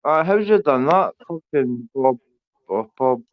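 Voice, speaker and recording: A man's voice: mid-range voice, lively intonation, measured pace, no echo. A man with a Glasgow street accent arguing on a livestream panel, confrontational and full of swearing. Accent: Glasgow Scottish. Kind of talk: heated livestream argument. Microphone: online panel call. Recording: dull lo-fi voice-call audio.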